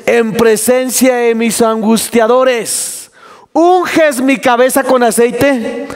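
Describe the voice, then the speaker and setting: A male pastor preaching a sermon, asking the congregation questions and shouting for emphasis. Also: very high voice, big-room sound. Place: church hall.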